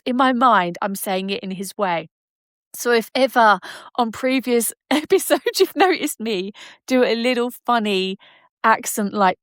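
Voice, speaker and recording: A woman's voice: mid-range voice, no room sound. Lady podcasting from home, chatty and wandering off topic, dry close sound. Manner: chatty and digressive, laughs often. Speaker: podcast host. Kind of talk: casual chat. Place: at home by patio doors.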